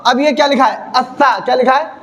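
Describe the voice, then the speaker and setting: In a classroom-style teaching video recorded against a noisy background, a man with an extremely high-pitched voice talks fast as he teaches Quran recitation. He drills letter sounds through repetitive call-and-response, asking questions and answering them himself.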